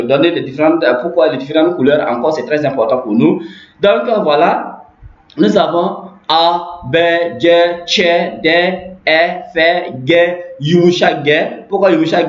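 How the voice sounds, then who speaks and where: Man teaching slowly in an echoey room. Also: fairly high pitch. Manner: slow, repetitive explaining with many fillers. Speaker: language teacher. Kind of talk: lesson. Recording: echoey room, dull lo-fi sound.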